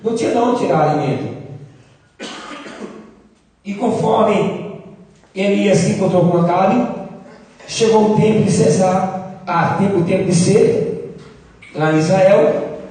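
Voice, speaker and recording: A man with a Brazilian Portuguese accent preaching a sermon as pastor, impassioned and rising to shouts, with a sore throat. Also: high-pitched, measured pace, pauses often. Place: church hall. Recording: echoey church hall from far off.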